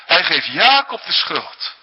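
Male preacher, husky and unhurried, pitch rises and falls widely as he presses home his points; dull lo-fi sermon recording in a reverberant hall. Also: very animated. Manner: earnest, emphatic, frequent tag questions.

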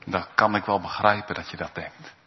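A man's voice: steady tone, normal speed, muffled recording, slight background noise. Man preaching solemnly in a church hall. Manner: solemn, emphatic preaching with sudden rises in pitch and volume. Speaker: pastor. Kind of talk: sermon.

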